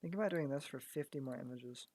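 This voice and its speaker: A man going hoarse, thinking aloud. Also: mid-range voice, quick pace, a little mellow, no room sound. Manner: thinks aloud, stammers and repeats words. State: losing his voice. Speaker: graphic artist. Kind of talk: casual commentary while working.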